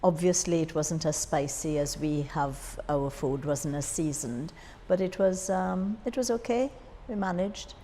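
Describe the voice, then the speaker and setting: Recalling her days as an overseas student nurse, a Jamaican-accented woman in her sixties speaks in a low, warm voice, a bit slow yet with hardly any pauses. The oral history interview was captured in an echoing hall with slight background noise.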